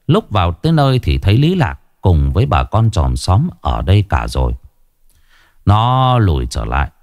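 A man reads a ghost story with an expressive, animated delivery. His pitch rises and falls a lot as he tells it. The recording is close and dry with no room sound. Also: normal speed, no room sound.

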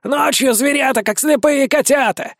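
Man doing storybook vampire bat: cowardly, greedy, high squeaky whine, dry close sound. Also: fairly quick, a bit bright, dry recording. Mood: anxious whining. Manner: squeaky and fretful. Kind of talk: audiobook character voice.

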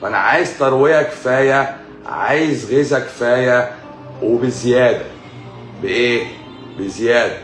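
A man's voice: medium pitch, moderate pace. A man with an Egyptian Arabic accent, a doctor giving a casual live-stream medical lecture, often repeating key words back as questions. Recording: echoey room, faint music.

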